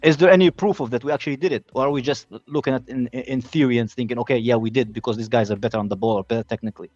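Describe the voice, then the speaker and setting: A man's voice: medium pitch, very fast, a little mellow, dry recording. A man calling in to chat about football, heard over a clipped phone line, often restarting his sentences and checking agreement with "yeah?" and "right?". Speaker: call-in guest.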